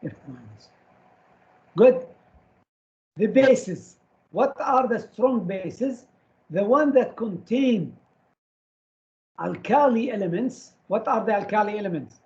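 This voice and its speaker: During a classroom lecture, a chemistry teacher with a high, expressive, darkish voice moves at an unhurried pace, firing quick questions at students and repeating terms over and over. The audio comes through muffled and lo-fi.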